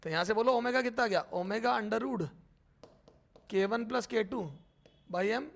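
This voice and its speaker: High gravelly male physics teacher. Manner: addresses students as beta, asks and answers their questions himself; repeats terms slowly while writing. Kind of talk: blackboard physics lecture.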